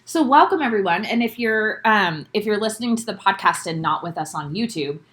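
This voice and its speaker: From her home bedroom, a young woman co-hosts a casual recap podcast on a live stream, upbeat and laughing often as she greets viewers by name. Her medium-pitched voice is fairly bright, a little fast, with lively intonation.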